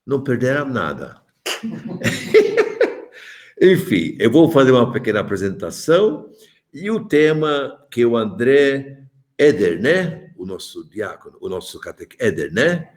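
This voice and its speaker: A Maltese bishop in his seventies gives a joking, chatty catechesis talk to adults, calling on them by name. His mid-range voice is very animated, his delivery a little slow.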